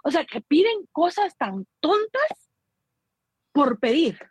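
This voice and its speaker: A woman from Guatemala, chatting casually as co-host, telling animated stories and mimicking her relatives, dropping in English phrases. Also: high-pitched, takes it slowly, no echo. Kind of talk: casual chat.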